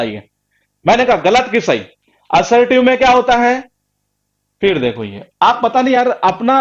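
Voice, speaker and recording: A man's voice: very high-pitched, dull audio. A man teaching a grammar class, emphatic and repetitive, quizzing his students again and again. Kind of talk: live online class lecture.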